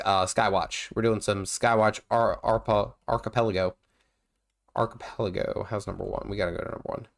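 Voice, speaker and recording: Feeling unwell has left this gaming livestream host sounding nasal, though his fairly low voice remains fairly bright, clear, and resonant. He rambles casually as he plays, with many fillers and restarts.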